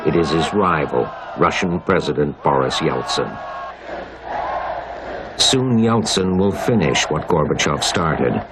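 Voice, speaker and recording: A man narrating a documentary in a measured, scripted delivery. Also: extremely low pitch, noisy background.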